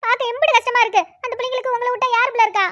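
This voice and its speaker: A woman's voice: very high voice, fairly even intonation, very fast, fairly bright tone, highs cut off. A woman voicing a worried, tearful village mother, in a cartoon. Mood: fretful. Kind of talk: cartoon voice acting.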